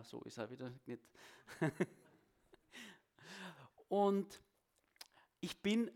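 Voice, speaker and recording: A preacher giving a sermon and prayer in a church hall, speaking with a halting delivery that often repeats words. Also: male voice, mid-range voice. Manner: halting, repeats words, self-deprecating asides.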